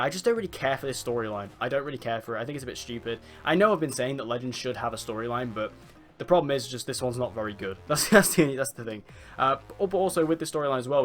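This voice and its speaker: A man's voice: mid-range voice, fairly bright tone. A man giving a casual, rambling TV episode review, full of fillers and restarts. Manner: rambling, filler-heavy, says "like" often.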